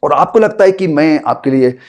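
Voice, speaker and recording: Man, English teacher, high voice, patient repetitive explaining. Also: expressive. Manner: explains slowly, repeats points, addresses viewers as friends. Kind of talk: spoken English lesson to camera.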